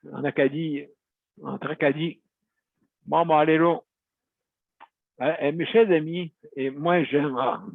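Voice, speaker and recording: A man hosting a show has a fairly high, gravelly voice and tells listeners a meandering, chatty story in casual talk, correcting himself now and then. The sound is thin and phone-like, dry with no echo.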